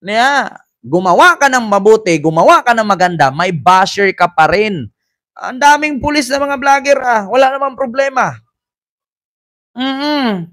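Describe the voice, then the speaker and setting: A chatty male host talks through a casual live commentary, throwing out rhetorical questions and reading out viewer comments. His voice is very high for a man, and the recording is close and dry. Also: animated, a little slow, bright, forceful tone, no echo.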